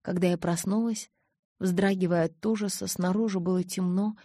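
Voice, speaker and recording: A woman's voice: on the low side, steady tone, moderate pace, warm tone, no room sound, clean studio sound. A woman narrating a first-person audiobook in an intimate, emotive way.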